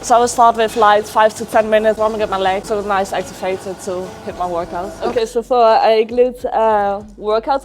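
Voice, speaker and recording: A woman's voice: mid-range voice, a little mellow. A woman giving casual, encouraging workout instruction as an athlete and coach, explaining each step inside a gym. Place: indoor gym. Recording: noisy gym background.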